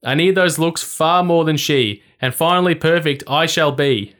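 A man putting on a shrill vain witch. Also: normal speed, fairly bright tone, lightly acted. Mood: gloating. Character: vain cackling old witch, furious and boastful.

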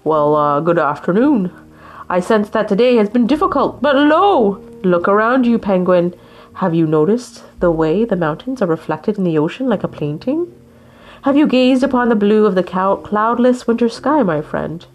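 A woman's voice: medium pitch, animated, normal speed, natural voice. A woman voicing a pompous, wise old male walrus who speaks in a grand, flowery way. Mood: lofty.

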